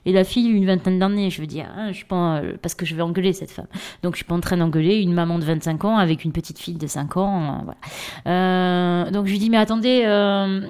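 A woman's voice: medium pitch, smooth. A woman podcaster telling a personal anecdote in casual, chatty speech, talking straight to her listeners. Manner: chatty, expressive, addresses listeners directly.

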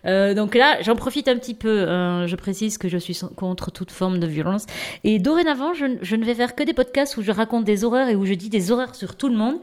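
A woman's voice: mid-range voice, brisk. A woman podcaster telling a personal anecdote in casual, chatty speech, talking straight to her listeners. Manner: chatty, expressive, addresses listeners directly.

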